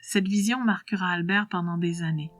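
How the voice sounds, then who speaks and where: A woman narrating a scripted story in a soft, hushed voice that slips into whispering. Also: on the low side, fairly even intonation, moderate pace, over music.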